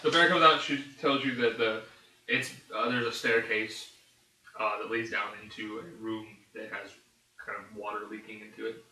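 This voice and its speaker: A man's voice: lowish voice, steady tone, moderate pace, sharp tone. A man narrating as game master of a tabletop game, describing scenes with frequent chuckles and asides. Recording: roomy, distant mic with faint hiss.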